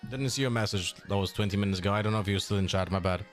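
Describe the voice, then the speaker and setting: A man casually chatting on a live stream, reading and answering chat in a relaxed, mumbling way that trails off. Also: fairly low pitch, racing, soft background music.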